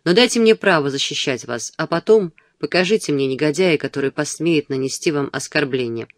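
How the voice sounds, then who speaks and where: A man reading an insistent, passionate gentleman suitor. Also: on the high side, a little fast, no room sound, studio quality, close to an everyday voice. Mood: pleading. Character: ardent, domineering young gentleman suitor. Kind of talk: audiobook dialogue.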